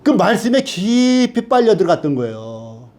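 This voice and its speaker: High-voiced man teaching a Bible lesson. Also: big pitch swings, normal speed, a little mellow. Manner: asks the class questions and answers them himself.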